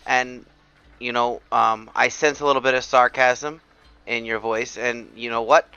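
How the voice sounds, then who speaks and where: A man playing a character in a tabletop game, rambling and halting with repeated words. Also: mid-range voice, fairly even intonation, vocal fry, bright, forceful tone, clean tone, no room sound. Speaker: player. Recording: dull lo-fi audio.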